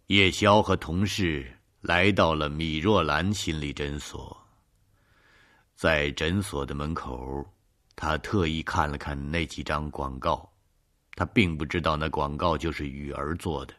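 A man narrating a mystery story in a steady, even storyteller delivery. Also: extremely low pitch.

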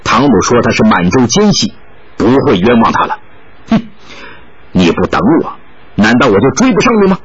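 A man's voice: medium pitch, wildly swooping pitch, moderate pace, pauses often, dull audio, pitched below the performer's own voice. A man voicing a proud, hot-tempered young swordsman who speaks coldly and sternly. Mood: stern angry. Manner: stern, cold, angry.

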